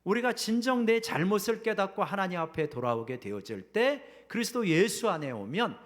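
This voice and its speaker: A man's voice: high-pitched, sing-song, normal speed. A middle-aged man preaching a sermon as senior pastor in a church, acting out quoted voices and dropping to a whisper at key lines. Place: church sanctuary.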